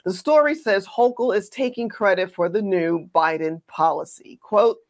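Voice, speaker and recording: A woman's voice: medium pitch, expressive, moderate pace. A woman co-hosting a political commentary show, speaking emphatically and sarcastically and addressing her audience directly.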